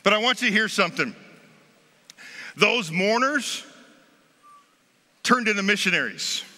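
A man's voice: high-pitched, bright, forceful tone. A man in his forties with an American accent, preaching an Easter sermon from a lectern on a church stage, rising and falling in force for emphasis. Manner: emphatic, swelling and dropping for effect, gesturing. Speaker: pastor. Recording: long reverb of a large sanctuary.

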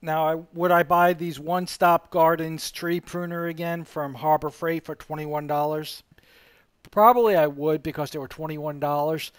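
A man's voice: on the high side, fairly even intonation, normal speed, clear, resonant tone, dry recording. A man giving a casual, rambling tool review outdoors in a yard, talking plainly about how it works.

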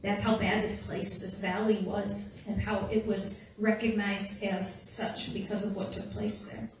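A woman's voice: mid-range voice, level tone, measured pace, a little hiss or hum. Woman pastor preaching in an echoey hall. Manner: conversational and playful, addressing the congregation directly. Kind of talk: sermon. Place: church sanctuary. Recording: very echoey, distant church hall recording.

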